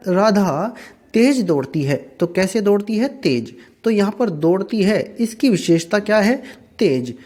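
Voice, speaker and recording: Patient teacher voice for a workbook walkthrough, asks and answers own questions, mid pitch. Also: a little mellow. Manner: repeats and rephrases to explain. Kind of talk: step-by-step workbook lesson.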